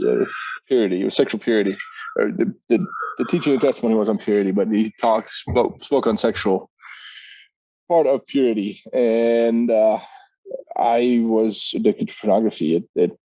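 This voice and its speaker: A man's voice: mid-range voice, mellow, no echo. A man speaking as a podcast guest, sharing a personal testimony in a hesitant way, with many fillers and restarts. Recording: dull lo-fi sound.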